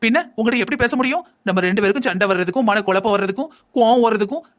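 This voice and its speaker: A man's voice: high-pitched, a bit bright. A man voicing a young wife in a cartoon family drama, envious and complaining, who nags her husband in a whining, insistent way. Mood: reproachful. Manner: nagging, whining, quick and insistent. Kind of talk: Tamil cartoon voice acting.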